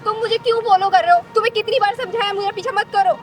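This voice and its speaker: A woman's voice: extremely high pitch, fairly even intonation, fast, soft background music. A woman playing an anxious schoolgirl who is harassed and pleads with her father. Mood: firm. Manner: pleading, distressed.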